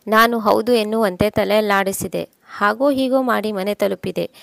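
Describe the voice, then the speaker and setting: A woman telling a scripted first-person story in a calm, reflective, even manner. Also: medium pitch, moderate pace, creaky, no room sound, clean studio sound.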